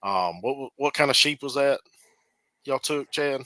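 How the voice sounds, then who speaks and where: A man's voice: medium pitch, expressive, unhurried, bright, forceful tone, dry recording, rough recording. A man, promoting his organization as a guest in an easygoing, joking way. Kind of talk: casual conversation.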